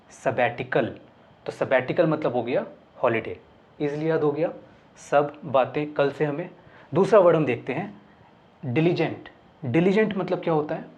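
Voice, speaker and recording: A man with a slightly mellow voice on the high side explains English words in Hindi using memory tricks. He goes step by step and answers his own questions. The audio is dull and lo-fi.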